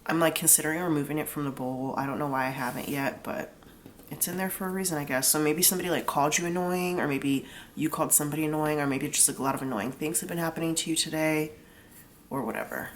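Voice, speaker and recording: A young woman with a stuffy nose from a cold talks quickly in a low voice, casually walking through a tarot reading. She explains each pull with lots of "like," over slight background noise.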